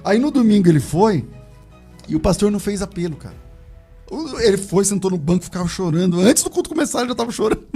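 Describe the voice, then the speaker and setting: A man, a pastor, telling his conversion story in casual chat, animated and laughing as he acts out the voices of others. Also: high voice, fast, slightly rough, faint music behind.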